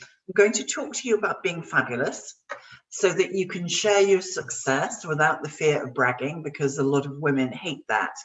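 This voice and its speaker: A woman's voice: deep voice, moderate pace, recorded from a distance, rough recording. A woman career coach giving an online workshop, speaking in an upbeat, encouraging way directly to her audience. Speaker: career coach and webinar presenter.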